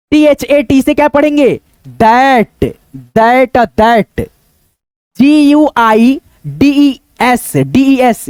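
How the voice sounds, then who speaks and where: A woman's voice: fairly high pitch, a little mellow, dry recording, clean studio sound. A woman teaching beginners to read, spelling each word letter by letter, then repeating it, asking her own questions and answering them. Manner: patient, repetitive, asks and answers own questions. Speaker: English teacher. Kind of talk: beginner reading lesson.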